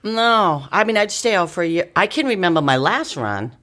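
A middle-aged woman telling her story in casual chat, candid, with quick asides and frequent laughter. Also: on the low side, animated, fairly bright tone. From Italian-American family, northeastern US. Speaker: podcast guest.

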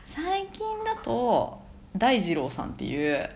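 A woman illustrator, a podcast guest, talking in a relaxed, musing way with soft fillers. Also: medium pitch, slow, vocal fry, slight background noise. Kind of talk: casual podcast chat.

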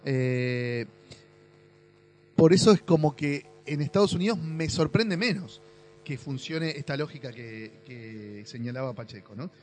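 A man's voice: medium pitch, expressive, a little slow, soft background music. A middle-aged Argentine man, a guest in a casual podcast chat, who explains at length with asides and tag questions. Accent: Argentine Rioplatense.

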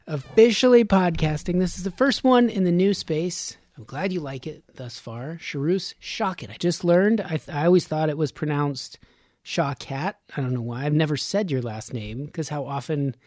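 A man's voice: on the high side, moderate pace, hardly any pauses, a little mellow, dry recording. A man hosting a podcast in a studio, talking in a casual, rambling way and laughing often. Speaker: podcast host.

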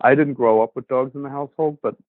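A man's voice: mid-range voice, fairly even intonation, quick pace, no echo. A man who trains dogs, talking casually on a podcast, rambling with many fillers. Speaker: dog trainer and podcast host. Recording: tinny phone line.

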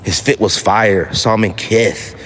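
A lowish, fairly bright male voice with a steady tone and measured pace belongs to an American solo podcast host. His casual talk is slangy and emphatic, with phrases repeated for effect and slight background noise behind him.

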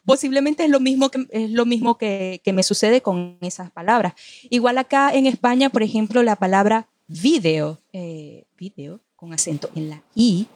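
A woman's voice: a little high, normal speed, a little mellow, no echo, studio quality. A Venezuelan woman from Maracaibo, a copywriter, chatting over a call, thinking aloud with restarts and little laughs. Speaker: guest copywriter. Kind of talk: casual conversation over a call. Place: at home in Spain. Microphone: video call.

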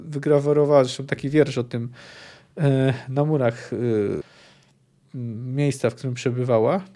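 A man hosting a book podcast who talks in a hesitant, digressive way, filling his pauses with many "e" sounds. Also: mid-range voice, fairly even intonation, mellow. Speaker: podcast host.

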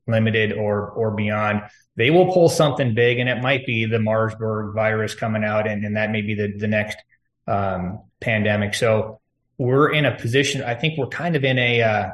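A man's voice: on the low side, a bit bright. A man speaking as an interview guest, giving long-winded, urgent, unscripted warnings in a conspiratorial political vein. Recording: echoey room.

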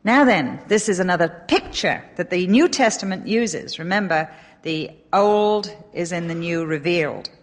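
A middle-aged woman from England with an English accent, giving an animated, emphatic Bible teaching talk with a touch of self-deprecating humor. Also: lowish voice, normal speed. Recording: long hall reverb.

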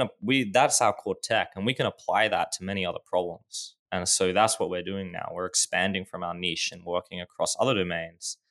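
A young man in his twenties with a deep, gravelly voice talks through his company's tech on a podcast. He restarts sentences often and leans on fillers as he explains. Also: fairly bright tone. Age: 20s. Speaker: startup founder guest. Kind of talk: casual podcast interview.

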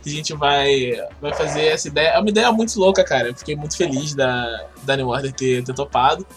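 A man with a Brazilian Portuguese accent talks casually as an interview guest, explaining things in a halting, informal way. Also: fairly high pitch, a bit bright, faint music behind. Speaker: podcast guest, game project organizer.

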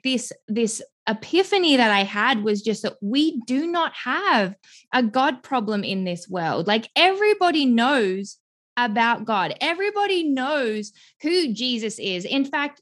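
A woman's voice: on the high side, unhurried. Effusive Australian woman, podcast guest. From Melbourne, Australia. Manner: effusive and animated. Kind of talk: podcast interview conversation.

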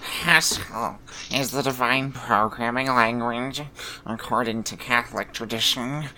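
A podcast co-host delivering a deadpan, mock-scholarly joke in casual banter. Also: mid-range voice, measured pace, a little hiss or hum, poor audio.

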